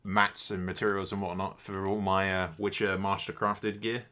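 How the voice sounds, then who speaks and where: A man's voice: sits low, level tone, normal speed, bright, forceful tone. A man giving casual, sarcastic gameplay commentary and swearing freely as he goes. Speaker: let's play host.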